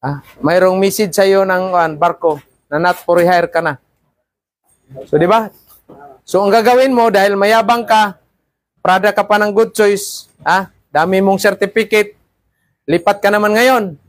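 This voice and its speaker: A man's voice: sits high, fairly even intonation, unhurried, pauses often, no room sound. A man teaching a class of seafarer trainees, lecturing and often checking in with "ha?" and "di ba?". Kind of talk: classroom talk.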